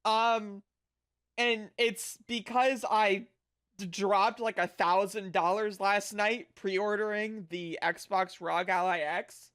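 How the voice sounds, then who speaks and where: A livestreamer chatting casually with viewers in a cute anime-streamer manner, animated and sweary, with bubbly delivery. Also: mid-range voice, takes it slowly, clear, resonant tone.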